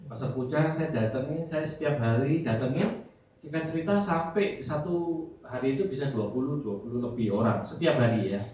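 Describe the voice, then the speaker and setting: A man delivers a motivational sales seminar in an animated way, tossing questions at the crowd and acting out bits of dialogue. His fairly high voice comes from some way off the mic and rings around a big echoing hall. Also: moderate pace. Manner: animated, quizzes the audience, acts out quoted talk. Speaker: insurance sales trainer. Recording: echoey hall, voice from far off.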